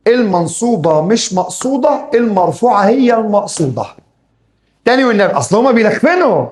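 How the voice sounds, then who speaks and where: High-voiced Egyptian man drilling grammar. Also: fast. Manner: animated drilling, repeats rules and voices students' questions. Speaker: Arabic grammar teacher. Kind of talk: classroom grammar lesson.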